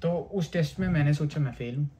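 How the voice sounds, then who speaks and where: Chatty young Indian man, mellow voice. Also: a little high, brisk, slight background noise. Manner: chatty, keeps saying "bhai", swears. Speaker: vlogger. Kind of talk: casual storytelling.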